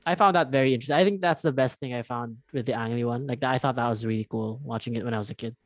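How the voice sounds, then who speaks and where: A young man, co-hosting a casual podcast chat, rambling and animated and swearing freely. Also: mid-range voice, racing, no echo. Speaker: podcast co-host.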